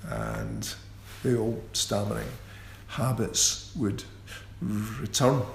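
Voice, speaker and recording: His pitch swoops wildly, though his creaky voice sits on the low side, as a stammering musician speaks in a radio interview with repeated sounds and restarts. He is slow and considered, recorded in an echoey room with faint ambient noise.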